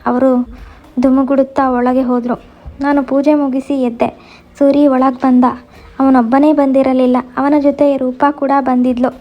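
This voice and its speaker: High-voiced woman narrating a story. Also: highs cut off. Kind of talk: first-person story narration.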